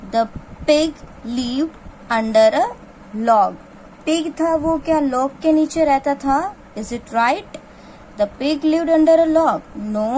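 Slow-reading woman teacher. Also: sits high, a little hiss or hum, rough recording. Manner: slow, drawn-out reading with spelled-out words; mixes Hindi and English, asks questions. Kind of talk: English lesson for children.

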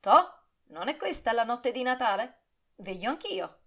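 A woman's voice: a little high, sing-song, unhurried, voice pushed up, exaggerated voice. A woman voicing a swaggering young male swordsman in an audiobook, teasing and ironic as he taunts. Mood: breezy. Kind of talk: audiobook character reading.

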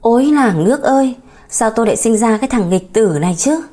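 A woman's voice: a little high, expressive, fairly quick, mellow, faint music behind. A woman voicing a harsh, controlling old mother in an audiobook story, dramatic and scolding.

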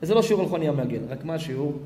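A man preaching a sermon to a live crowd in a big, echoing hall, his voice sitting a little high for a man. He drops to soft, intimate murmurs one moment and bursts into loud scolding the next. The long reverb hangs after every phrase. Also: expressive, slight background noise. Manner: dramatic swings from hushed, tender asides to loud scolding outbursts. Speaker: rabbi giving a Torah lecture. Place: large hall with audience.

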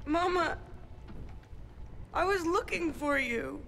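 A woman's voice: very high voice, expressive, drawn-out words, fairly bright tone, a little hiss or hum, full character voice. A woman playing a fragile, despairing young woman in a video game, speaking in a trembling, self-loathing way. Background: game music.

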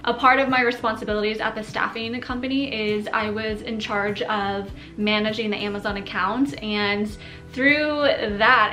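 A woman's voice: mid-range voice, pushed and bright, reverberant. A woman in her thirties, chatting long-windedly and upbeat in a casual Q&A vlog at home. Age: 30s. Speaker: YouTuber. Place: living room by a window.

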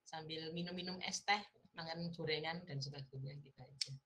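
Heavy background noise surrounds a university lecturer with a Javanese accent as she chats casually with her students in an online class. Her low voice holds a steady tone and moves a little fast, and she laughs often and teases them playfully over the video call.

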